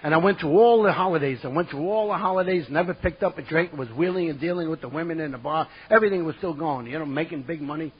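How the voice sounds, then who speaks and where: A man's voice: on the high side, fast talker, few pauses, breathy edge. A man from New York with a New York accent, giving a comic, self-mocking talk about his past to a conference audience. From New York City. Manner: vivid, self-mocking and theatrical. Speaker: recovery meeting speaker. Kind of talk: comic personal storytelling to an audience. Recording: dull lo-fi conference tape.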